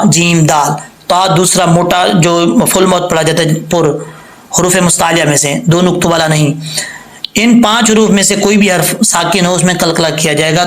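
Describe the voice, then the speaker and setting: A man with a fairly high, gravelly voice gives a patient recitation lesson, spelling out each letter and vowel mark before stretching the word out slowly. He quizzes the listener and answers himself. The room around him is echoey. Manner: asks and answers his own quiz questions. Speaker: Quran recitation teacher. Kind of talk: tajweed lesson with slow demonstrations.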